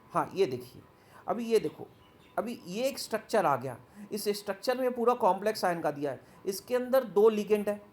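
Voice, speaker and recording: Reading English points off slides and then explaining them in Hindi, a high-voiced man teaches chemistry while frequently asking the class quick questions.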